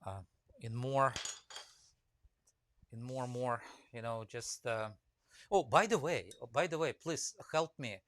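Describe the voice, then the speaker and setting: With frequent pauses and an unhurried, mid-range, slightly bright voice, this Russian-accented woodcarving teacher chats on a live stream. He greets viewers by name, reads comments aloud, and rambles with many fillers.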